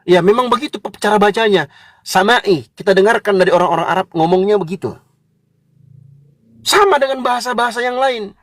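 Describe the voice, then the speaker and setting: A man's voice: high-pitched, brisk, fairly bright tone, dry recording. A man giving a combative, mocking religious lecture, lecturing listeners directly.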